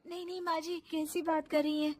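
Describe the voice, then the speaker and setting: Young cartoon daughter-in-law, very high, sweet and pleading, voiced by a woman. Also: flat delivery, a little fast, darkish tone. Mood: pleading meek. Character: meek young daughter-in-law, later defiant.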